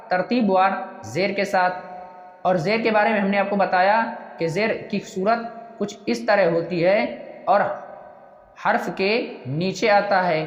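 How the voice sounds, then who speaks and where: Teacher going over letters step by step, asks then answers twice, muffled echoey sound. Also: mid-range voice. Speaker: Urdu reading teacher. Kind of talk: slow step-by-step reading lesson. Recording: dull echoey recording with long reverb.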